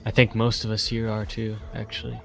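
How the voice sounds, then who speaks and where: Flat-voiced blunt man. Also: on the low side, fairly quick, gravelly, soft background music. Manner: blunt, cursing. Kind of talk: in-character roleplay chat.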